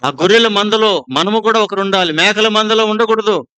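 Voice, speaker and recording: Bright-voiced man preaching a sermon. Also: high voice, moderate pace, clean tone, no room sound. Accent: Telugu, Andhra Pradesh. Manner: preaches with rhetorical questions to the congregation. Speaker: pastor. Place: prayer house.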